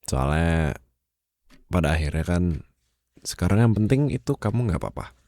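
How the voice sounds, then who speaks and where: A young man speaking softly and intimately in a whispered role-play as a boyfriend, laughing often, close to the mic. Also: deep voice, very animated, normal speed, no room sound. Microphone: close condenser mic.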